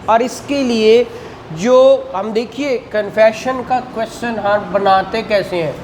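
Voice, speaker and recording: A Pakistani man with a high voice teaches law in an indoor classroom at a slow, deliberate pace. His didactic lecture checks in with questions and repeats key phrases, and his voice echoes in the room over clear background noise.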